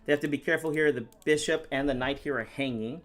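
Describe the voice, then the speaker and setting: Chatty man live-streaming chess commentary, slightly high voice. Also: quick pace, faint music behind. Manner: chatty, thinking aloud, talking to viewers.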